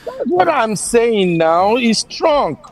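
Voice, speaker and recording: Middle-aged Nigerian male, Yoruba accent, high-pitched, making points emphatically in casual talk. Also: very animated, slow pace. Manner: emphatic, repeats words for stress. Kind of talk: casual discussion.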